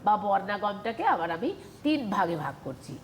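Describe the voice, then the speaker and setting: A woman's voice: medium pitch, very animated, normal speed, slight background noise. A woman teacher giving a televised Bengali grammar lesson, explaining patiently and repeating questions to her students.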